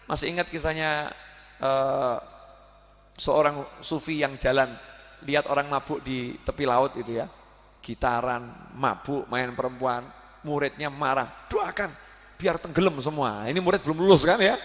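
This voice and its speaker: A man giving a religious lecture, animated, acting out prayers and voices with joking asides. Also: mid-range voice, normal speed, pauses often. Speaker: preacher. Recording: long hall reverb.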